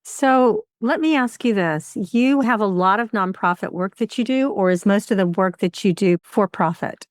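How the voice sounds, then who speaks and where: A woman hosting an interview podcast, enthusiastic and quick to laugh, reading a guest introduction and asking questions. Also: mid-range voice, no echo, clean studio sound. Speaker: podcast host.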